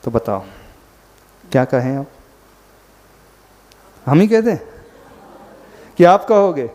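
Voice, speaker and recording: A man leads a religious class in a large reverberant hall. His voice sits fairly high but sounds mellow and warm. He keeps quizzing his listeners, lifting his voice for emphasis and then dropping to quiet, low asides. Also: very animated, slow. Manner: questioning the audience, wide swings between loud emphasis and soft low asides. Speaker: religious teacher. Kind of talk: Hindi religious class lecture.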